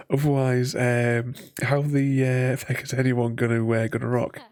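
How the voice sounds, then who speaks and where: A man giving casual game commentary and reading dialogue aloud in a halting, hesitant way. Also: medium pitch, level tone, darkish tone, no echo, clean studio sound. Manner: chuckles often. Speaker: game streamer.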